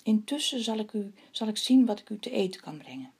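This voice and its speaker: A woman reading the part of a humble, pious male hare in a storybook tale, with a husky, breathy voice. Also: mid-range voice, big pitch swings, a little fast, darkish tone, heavily acted.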